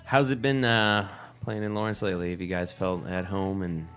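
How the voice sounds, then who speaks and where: A man's voice: low-pitched, little pitch movement, normal speed, fairly bright tone, faint music behind. A man hosting a radio interview with a band, asking questions in a dry, teasing way. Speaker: radio host.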